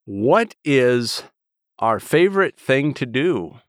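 Rambling man with a smooth voice. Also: medium pitch, sing-song, no echo, clean studio sound. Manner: rambling, halting with many fillers and restarts. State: voice lower than usual from a cold. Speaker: podcast co-host. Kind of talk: casual chat.

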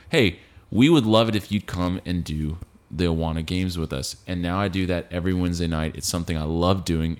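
Deep-voiced young male co-host, casual, rambling, self-correcting. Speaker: podcast co-host. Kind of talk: casual podcast chat.

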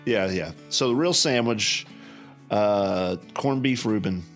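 A man, a pastor co-hosting a podcast, chatting casually in a rambling, hesitant, deadpan way. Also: lowish voice, slow pace, soft background music. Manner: rambling, hesitant, full of fillers and restarts, deadpan.

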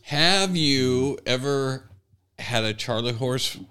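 In a casual humorous chat, a middle-aged American podcast host and stand-up comic tells self-deprecating, jokey stories. His mid-range voice has lively intonation and a sharp, clean tone at a slow pace.

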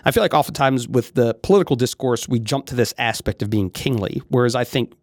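A man's voice: medium pitch, brisk, a little mellow, dry recording, studio quality. A man hosting a podcast, talking through theology in a casual monologue with frequent fillers and restarts. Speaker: podcast host.

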